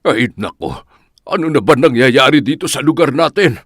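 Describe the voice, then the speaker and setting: A voice actor playing a gruff, impatient wealthy landowner with a scolding, irritated way of talking. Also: mid-range voice, animated, normal speed, dry recording, studio quality. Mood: alarmed.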